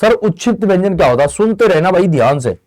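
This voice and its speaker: Young male tutor, fairly high voice, friendly and chatty, stretches out key rules slowly. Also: expressive, darkish tone. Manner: chatty, calls students friend and brother, acts out their replies; slows down and drags out key definitions. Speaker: Hindi teacher. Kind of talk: online exam-prep lesson.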